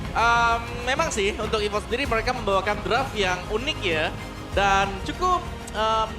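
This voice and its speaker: High-voiced Indonesian man analysing a match. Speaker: esports analyst caster. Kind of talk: post-game analysis.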